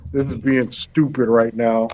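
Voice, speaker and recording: A man's voice: mid-range voice, level tone, unhurried, darkish tone, highs cut off. A man co-hosting a casual podcast chat, his voice echoing, smeared and breaking up through a faulty headset mic while he apologizes and fixes it. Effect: echoing, time-smeared, choppy audio from a faulty headset mic. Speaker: co-host.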